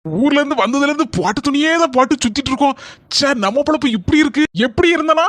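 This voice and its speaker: A voice actor with a Kanyakumari Tamil accent voicing a hapless young village husband in a cartoon who wails and complains. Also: male voice, extremely high pitch, lively intonation, quick pace, a bit bright, no echo. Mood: self-pitying. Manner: wailing, complaining.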